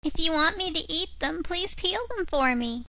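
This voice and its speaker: A woman with a Canadian accent voicing a hungry, whiny wooden puppet boy, pleading in a high voice. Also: expressive, moderate pace, pushed and bright, no echo, heavily acted. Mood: stubborn.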